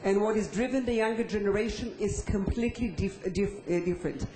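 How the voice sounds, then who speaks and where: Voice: medium pitch, brisk, dark tone, slight background noise. An audience member at a conference, commenting hesitantly with many fillers. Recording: echoey conference hall.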